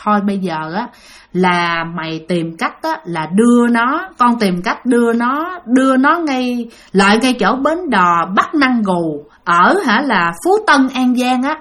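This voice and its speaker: A woman's voice: a little high, lively intonation, unhurried, fairly bright tone. A woman voicing a worried older aunt giving urgent, insistent instructions.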